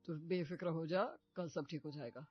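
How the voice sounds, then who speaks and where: A man playing a calm, reassuring brother in a storybook family drama. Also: a little high, normal speed, dry recording, dull audio, faint music behind.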